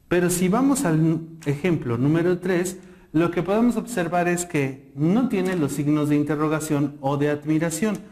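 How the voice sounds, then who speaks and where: A man's voice: on the high side, a little mellow. Methodical man teaching a grammar lesson. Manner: methodical, slows down to read example sentences.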